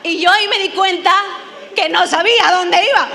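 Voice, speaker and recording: A woman's voice: extremely high pitch, fairly quick, vocal fry, bright, forceful tone, a faint crowd. A middle-aged woman telling a funny story in a sermon, self-mocking and acting out her own lines. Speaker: preacher.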